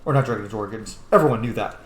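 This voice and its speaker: Swearing plenty, the streamer rambles through opinionated, casual gaming commentary in a fairly low, rapid-fire voice. The room echoes and faint noise sits underneath.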